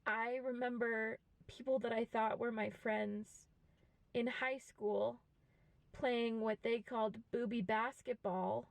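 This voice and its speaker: A woman in her twenties talking frankly and reflectively to a camera, with many pauses. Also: a little high, vocal fry, no echo. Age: 20s. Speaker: vlogger. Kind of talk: candid personal monologue to camera. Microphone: camera mic.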